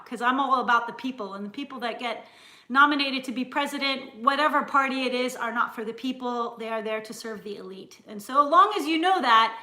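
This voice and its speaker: A woman hosting a casual live-stream chat, frank and chatty and quick to laugh, talking from home. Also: sits high, pushed and bright. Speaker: cooking channel host. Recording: roomy echo.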